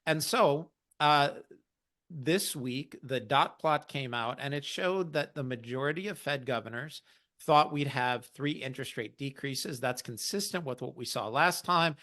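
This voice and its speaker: A man's voice: mid-range voice, measured pace. A man hosting an investing podcast, explaining central bank news in a wry, conversational way. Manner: explanatory, wry, lively asides. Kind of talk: conversational market commentary.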